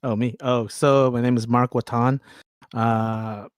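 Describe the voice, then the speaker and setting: An easygoing American man co-hosts a casual chat in a mid-range voice. His speech halts often and is filled with pauses and fillers, and the sound is dry and close. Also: medium pitch, flat delivery, clear, resonant tone, no room sound. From United States. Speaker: co-host.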